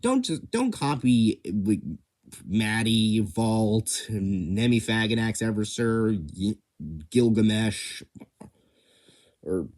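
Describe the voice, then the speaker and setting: Stammering young man with a lively voice. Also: on the low side, takes it slowly. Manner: stammering, many restarts and fillers; impulsive, enthusiastic. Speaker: channel host announcing a creature-design contest. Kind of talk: casual unscripted rules rundown.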